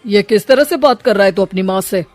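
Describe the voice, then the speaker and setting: A woman voicing a gruff retired father who answers curtly and indignantly. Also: mid-range voice, a little fast, darkish tone, no echo, soft background music, lightly acted.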